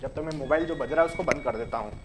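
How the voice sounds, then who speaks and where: A man's voice: a little high, racing, loud music behind the voice. A young man giving a live engineering lecture at a whiteboard, explaining step by step and asking rhetorical questions. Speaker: engineering teacher. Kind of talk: live online lecture at a board. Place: classroom at a whiteboard.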